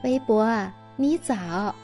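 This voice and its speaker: A woman's voice: fairly high pitch, takes it slowly, dark tone, faint music behind. A woman reading a storybook, voicing a kind, helpful young heroine in an earnest, eager way.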